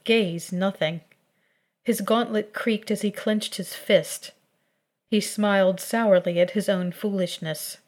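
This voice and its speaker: A woman narrating a fan fiction story in a steady, measured reading voice. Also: mid-range voice.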